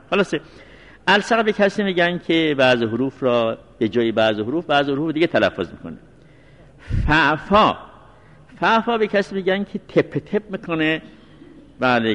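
A male seminary teacher giving a religious law lecture, repeating references slowly and mixing in recited phrases. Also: mid-range voice, fairly bright tone. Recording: long reverberant hall sound.

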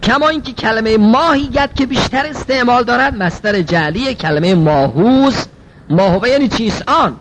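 A man with a high voice lectures on classical logic, quoting Arabic phrases and explaining them plainly. He asks questions aloud and answers them himself, his pitch swinging widely. A faint hiss sits under the recording. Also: expressive, fairly bright tone, rough recording. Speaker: teacher. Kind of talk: seminary-style logic lecture.

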